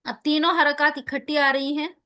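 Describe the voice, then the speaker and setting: A woman teaching a recitation lesson, spelling out letters slowly and carefully between quick explanations. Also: high-pitched, level tone, sharp tone.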